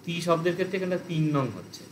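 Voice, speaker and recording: A man teaching an online language lesson, explaining grammar and reciting word forms slowly. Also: fairly high pitch, slight background noise, low-quality recording.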